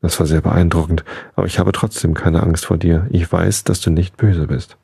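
A man's voice: sits low, steady tone, normal speed, vocal fry, mellow, slightly rough, dry recording, studio quality, exaggerated voice. A man voicing a brave, stubborn young boy who speaks earnestly to a dragon.

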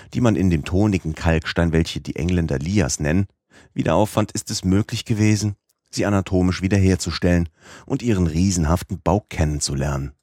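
Low, husky male audiobook narrator. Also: no echo, studio quality. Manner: measured, steady reading. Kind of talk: scripted narration of a classic novel.

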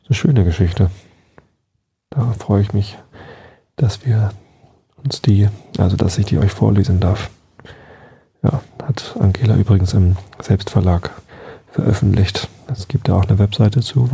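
Low gravelly guy softly reading a bedtime story, dark husky voice. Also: fairly even intonation, measured pace, long pauses. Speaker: podcast host reading a story aloud.

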